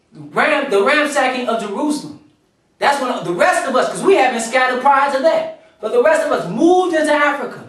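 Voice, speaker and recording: A man preaches a sermon in a high voice, reading scripture and driving points home with repetition. He stands well back from the mic, and heavy room echo surrounds every word. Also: a bit bright. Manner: preaching cadence, repeats phrases for emphasis. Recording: echoey room from far off.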